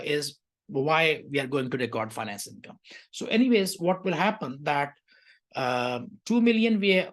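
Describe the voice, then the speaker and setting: Here an accounting tutor walks through an exam problem as an explanatory lecture. The voice is mid-range, and the teaching style often pauses to confirm the listener understands.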